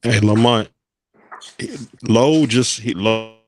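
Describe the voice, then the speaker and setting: A man's voice: fairly low pitch, slow. A man joining remotely whose audio keeps glitching and cutting out as he raises his voice over the breaking connection. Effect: glitching, cutting-out call audio. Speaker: remote panelist. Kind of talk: casual debate.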